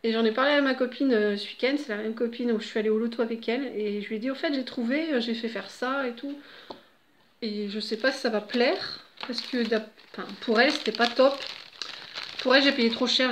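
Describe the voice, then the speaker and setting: A woman's voice: fairly high pitch, steady tone, fast talker, a little hiss or hum. A middle-aged woman at home, chatting casually and rambling with laughs and fillers. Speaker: vlogger.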